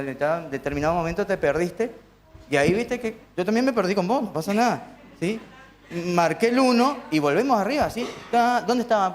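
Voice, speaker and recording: A man's voice: high voice, a little hiss or hum. A man with an Argentine accent teaching conducting in a church, counting beats aloud and coaching students. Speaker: music instructor. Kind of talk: hands-on conducting lesson. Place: church hall during a live-streamed course.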